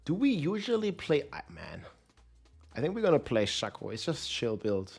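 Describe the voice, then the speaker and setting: A man's voice: fairly high pitch, huge pitch swings, moderate pace, gravelly, a little mellow, husky, faint music behind. A man streaming a game, speaking into a livestream headset mic, thinking aloud and talking straight to his chat in a casual way. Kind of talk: casual livestream chat while planning builds.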